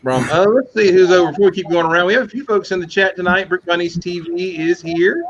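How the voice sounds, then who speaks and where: A man's voice: high-pitched, quick pace, muffled recording, noisy background. A man hosting a casual livestream chat, greeting viewers in the chat and telling stories. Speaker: host.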